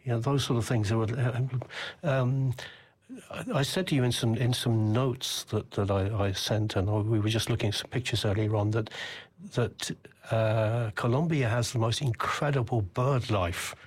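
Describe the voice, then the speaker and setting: A man's voice: medium pitch, steady tone, moderate pace, husky. An older man interviewing a guest, asking long, reflective questions full of restarts. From United Kingdom. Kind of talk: conversational interview.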